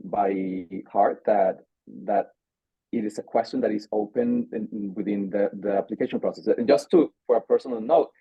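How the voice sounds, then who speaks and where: A man's voice: on the low side, husky, dry recording, highs cut off. A man from the Caribbean hosting an artist information session over a video call, speaking with many restarts and repeated words. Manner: halting, many restarts, animated. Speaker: artist relations director.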